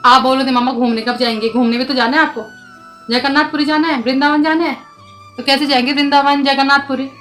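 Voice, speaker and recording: A woman in her thirties with a high voice, coaxing and soothing her child in a casual home vlog. She talks softly and patiently, and faint music plays behind her. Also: steady tone, brisk. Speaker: vlogger, mother. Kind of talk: casual family vlog talk.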